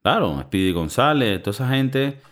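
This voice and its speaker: A podcast co-host with a Venezuelan Spanish accent speaks at normal speed in a medium-pitched voice. His chat is casual, animated, and slangy, with lots of swearing.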